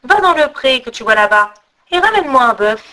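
A huge, hungry storybook eagle that calls out insistently, its voice pitched high and loud. A woman reader performs it. It bounces around the scale and never lets up on its demands. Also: big pitch swings, a little fast, exaggerated voice. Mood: demanding.

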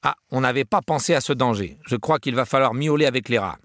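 A man's voice: mid-range voice, fast, a bit bright, dry recording, clean studio sound, pitched above the performer's own voice, natural voice. A man voicing a big brave tomcat in a storybook reading, speaking firmly and with determination. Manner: firm and determined. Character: big brave tomcat Zorba, firm and protective.

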